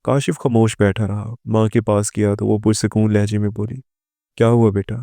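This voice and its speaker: A man narrating a scripted moral story in a steady, even delivery. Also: lowish voice, creaky, no echo, clean studio sound.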